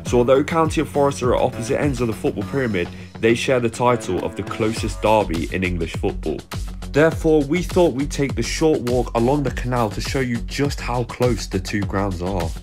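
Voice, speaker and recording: A man's voice: medium pitch, expressive, a little fast. A man giving scripted, upbeat voice-over narration for a matchday vlog. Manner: clear, upbeat tour narration. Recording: music behind.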